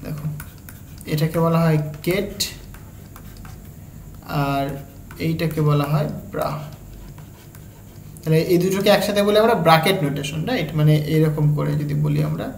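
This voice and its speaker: A woman with a Bengali accent giving an exam-prep physics lecture, breaking each step down slowly and checking in with her students as she goes. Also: low-pitched, darkish tone. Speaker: physics tutor. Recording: echoey room, faint background hum.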